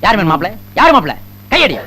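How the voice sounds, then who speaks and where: An actor playing a snobbish London-returned groom who sneers and drops English words. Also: male voice, high voice, big pitch swings, fairly quick, bright, forceful tone, husky, exaggerated voice. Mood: haughty. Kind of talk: film comedy acting.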